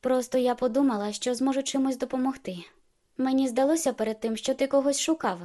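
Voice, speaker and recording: A woman's voice: high voice, fairly quick, dark tone, lightly acted. A woman voicing a teasing young woman. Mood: friendly teasing. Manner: playful, teasing.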